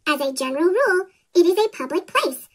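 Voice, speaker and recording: A squeaky cartoon chipmunk voice, made with a pitched-up effect, reading a rhyming children's storybook aloud in a bouncy sing-song way. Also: very animated, a little fast. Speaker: story narrator. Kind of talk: scripted children's storybook read-aloud in rhyme.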